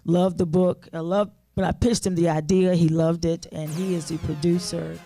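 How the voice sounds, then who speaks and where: Mellow-voiced woman author, earnest and faithful. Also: on the low side, fairly even intonation, moderate pace, faint music behind. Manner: earnest, speaks often of faith and blessing. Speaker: author and guest. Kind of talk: talk-show interview.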